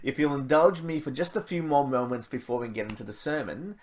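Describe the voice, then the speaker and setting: A Malaysian pastor with a medium-pitched, darkish voice gives church notices before his sermon and then leads a prayer at a livestreamed service. He's chatty and self-deprecating, tossing in quick asides.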